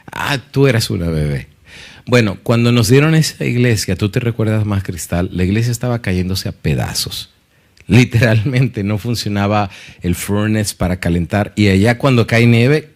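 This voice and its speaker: A middle-aged man, a pastor telling a church story and acting out the dialogue. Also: on the low side. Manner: animated, acts out quoted dialogue.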